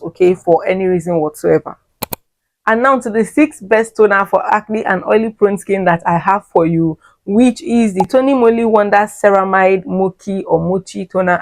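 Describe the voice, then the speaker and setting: A woman talks through skincare products in a friendly, chatty vlog manner. She calls her viewers her loves and keeps checking in with little "okay"s and "right?"s. Her voice sits at an ordinary middle pitch and is recorded close and dry, with no room echo. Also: darkish tone. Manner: chatty, tags lines with "okay", "right?" and "yeah"; addresses viewers fondly as "my loves". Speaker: beauty vlogger.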